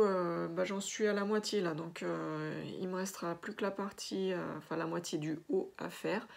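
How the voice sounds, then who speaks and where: A woman chatting casually through a craft unboxing, hesitant with many filler pauses. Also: lowish voice, gravelly. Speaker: diamond painting vlogger.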